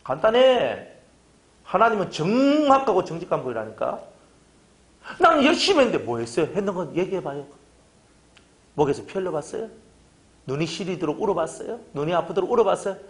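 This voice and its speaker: A man's voice: high-pitched, lively intonation, normal speed. A middle-aged male pastor, preaching a fervent sermon full of hammering rhetorical questions.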